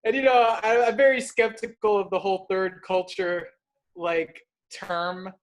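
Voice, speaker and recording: Rambling young man, slightly high voice. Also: flat delivery, measured pace, rough recording. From partly raised in the Gulf, of North African parents. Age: young adult. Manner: rambling, self-deprecating. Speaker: cooking class host. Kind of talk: casual personal chat.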